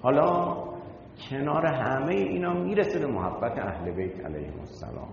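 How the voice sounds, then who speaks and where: A man's voice: sing-song, creaky. Man preaching in an echoey hall. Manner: emphatic, argumentative, rhetorical questions. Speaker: religious lecturer. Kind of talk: sermon. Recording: echoey hall, dull lo-fi sound, faint rumble.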